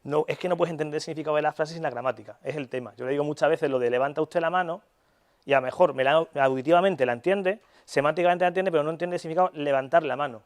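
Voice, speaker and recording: A man's voice: on the high side, racing, hardly any pauses. Chatty Spanish man lecturing casually. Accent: Spanish (Spain). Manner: casual, chatty, frequent "¿vale?" check-ins; colloquial, swears in jest. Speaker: neuropsychology lecturer. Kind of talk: university lecture.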